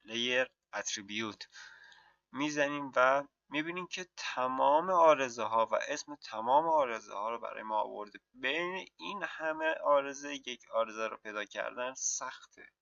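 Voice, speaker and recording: Gravelly male software tutor, dull sound. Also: mid-range voice, expressive, dry recording. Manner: explains step by step, talks through questions and answers himself. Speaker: software instructor. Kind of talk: screen-recorded tutorial.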